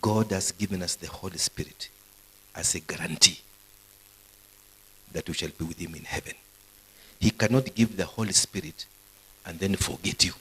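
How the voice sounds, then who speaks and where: A man's voice: sits low, normal speed, long pauses, fairly bright tone, slightly rough, low-quality recording. A man preaching a live sermon to university students, quizzing the audience with questions as he goes. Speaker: pastor. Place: university gathering.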